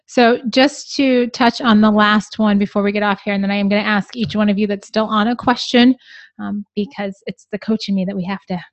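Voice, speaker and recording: A woman's voice: mid-range voice, fairly even intonation, a little fast, no room sound, highs cut off. A woman co-hosting a live online marriage coaching session, explaining points and using some fillers.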